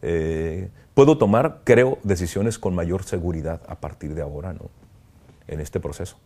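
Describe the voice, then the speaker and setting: A man, a priest giving an emotional interview, speaking earnestly and haltingly, often pausing to reflect. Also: deep voice, mellow. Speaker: priest, kidnapping survivor interviewee.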